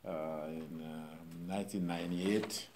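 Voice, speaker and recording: A middle-aged Haitian pastor with a Haitian accent, speaking informally to a church group in a halting way, with many pauses and fillers. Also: male voice, a bass voice, fairly even intonation, noisy background.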